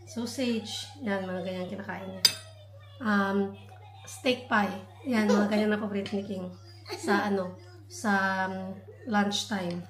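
A woman's voice: mid-range voice, fairly even intonation, slow pace, a crowd in the background. A woman vlogger from the Philippines with a Hiligaynon accent, chatting casually to viewers at home while looking after her son. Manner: chatty, addresses viewers as guys, mixes Filipino and English. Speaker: vlogger and mother. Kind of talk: casual family vlog. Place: home kitchen indoors. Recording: echoey room.

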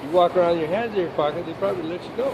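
A man's voice: high voice, rapid-fire, crowd noise. A man speaking bluntly and giving advice to a stranger outdoors on a campus plaza. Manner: blunt, advising. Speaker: passerby. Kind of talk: casual street conversation. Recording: noisy outdoor phone recording.

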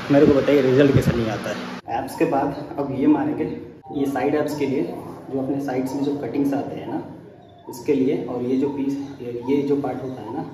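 Man, thirties, fitness vlogger coaching workouts, voice drifting away from the phone, roomy gym sound. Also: medium pitch. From India. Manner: chatty, coaching, counts breaths during reps. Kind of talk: casual workout vlog with exercise instructions. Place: indoor gym, large echoey room. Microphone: phone camera, often held at arm's length or set on the floor. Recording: echoey gym, voice often far from the phone, gym noise behind.

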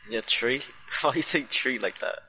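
A man playing an online game with a friend, loud and excitable, teasing and shouting callouts. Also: medium pitch, fast, slightly rough, low-quality recording. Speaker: teammate. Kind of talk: casual gameplay chat.

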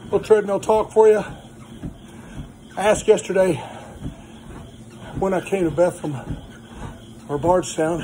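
High-pitched middle-aged man, plainspoken. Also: darkish tone, slight background noise, low-quality recording. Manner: plainspoken, encouraging, short phrases with pauses. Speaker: personal trainer. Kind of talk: motivational vlog talk while walking on a treadmill. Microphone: phone propped low in front of him.

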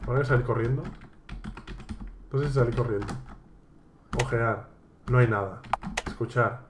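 A man's voice: medium pitch, moderate pace, noisy background. A man with a Spanish accent from Spain commentating a horror game, reading its text aloud and swearing at it. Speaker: let's play gamer. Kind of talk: gameplay commentary. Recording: echoey room with game music.

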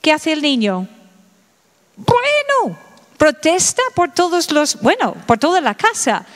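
A woman's voice: sits high, big pitch swings, normal speed. A middle-aged woman giving a public lecture, asking her audience many rhetorical questions. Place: lecture hall in Madrid. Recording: reverberant hall recording.

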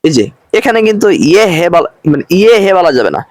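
A man teaching a recorded lesson, explaining slowly and patiently and repeating each phrase with its translation. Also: high voice, sing-song, dry recording.

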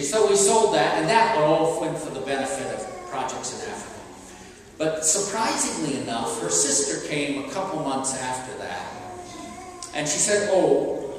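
A man's voice: on the high side, expressive, moderate pace, background noise. An older man, a priest giving a homily at a pulpit, talking conversationally with fillers and restarts. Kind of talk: sermon. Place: large church. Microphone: stand mic at a pulpit. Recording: echoey church from a distant camera.

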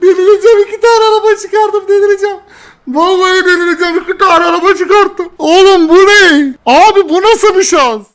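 A man opening game crates, bragging and losing it with excitement over his luck. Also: very high voice, brisk. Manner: boastful, near-hysterical excitement. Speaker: gaming YouTuber. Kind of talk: excited gameplay chat.

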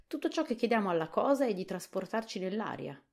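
A woman voicing a practical, matter-of-fact male tin woodman in a soft whispered role-play audiobook. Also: medium pitch, big pitch swings, fast talker, creaky, pitched above the performer's own voice. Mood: explaining.

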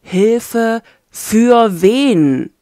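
Quiet servant girl as a woman puts her on, questioning, dry close sound. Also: a little high, lively intonation, extremely slow, dry recording. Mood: curious. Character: quiet young female servant, curious and soft-spoken.

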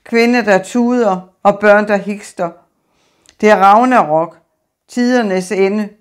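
A woman's voice: mid-range voice, lightly acted. A woman voicing a grieving, despairing man who speaks in weary laments.

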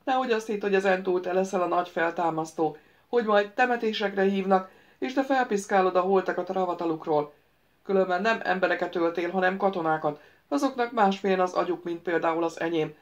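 On a dull lo-fi audiobook recording, a woman with a lowish, natural voice plays a petulant, scheming male ghost wizard. The character keeps pleading and bargaining.

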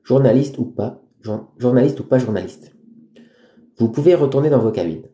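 A man's voice: medium pitch, lively intonation, dark tone, lightly acted. A man reading as a stern cruise director. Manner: formal, firm, measured. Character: stern middle-aged male cruise director. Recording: roomy echo.

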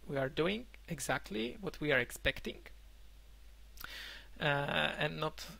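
Man, young adult, Polish first language, slightly high voice, slow, halting with fillers, online conference talk. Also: animated, gravelly, pushed and bright. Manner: halting, many fillers and restarts. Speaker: conference speaker. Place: indoor room, remote talk.

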